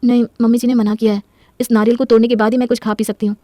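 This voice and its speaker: Woman doing a timid young pregnant wife, hesitant, pleading, high-ish voice. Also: flat delivery, racing, mellow, no room sound, studio quality, close to an everyday voice.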